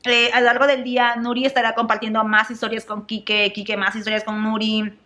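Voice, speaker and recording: A young adult woman from Peru with a Peruvian Spanish accent, chatting excitedly in a casual gossip vlog and dropping English exclamations. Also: a little high, brisk. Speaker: celebrity gossip vlogger.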